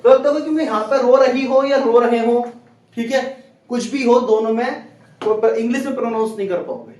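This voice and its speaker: A man's voice: extremely high pitch, fairly quick, a little mellow. A male English grammar teacher quizzing his class and repeating their answers back. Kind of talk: classroom teaching in call-and-response. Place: classroom with students. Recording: echoey classroom from far off.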